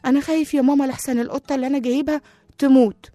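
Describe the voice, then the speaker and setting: A woman with an Egyptian accent voicing an anxious young boy in a children's story, talking high and pleading. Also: fairly even intonation, very fast, warm tone, no echo, lightly acted. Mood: worried. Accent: Egyptian Arabic.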